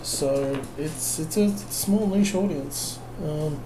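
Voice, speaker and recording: Unable to sleep, this man films a late-night video at home while putting together a kit, his talk wry, self-deprecating and meandering, with sentences that fade into fillers. He speaks at a fairly high pitch and takes his time. The audio is a noisy home recording.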